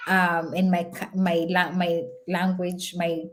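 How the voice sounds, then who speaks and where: A young vlogger whose first language is Swahili speaks slowly in a fairly low, level voice. Her casual, reflective vlog is chatty and full of fillers and repeats.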